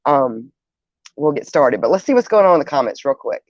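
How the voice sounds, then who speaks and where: A middle-aged woman hosts a livestream, chatting casually and musingly, addressing listeners directly and reading out viewer comments. Her voice is extremely low and darkish with big pitch swings, fairly quick, captured as dull, dry lo-fi audio with no echo.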